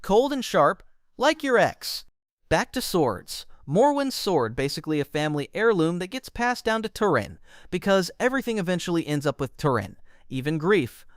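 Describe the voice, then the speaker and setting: A man narrates a scripted explainer with a wry, joking delivery. His voice sits high and swoops lively up and down. The recording is close and dry, with no room sound. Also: normal speed, no room sound.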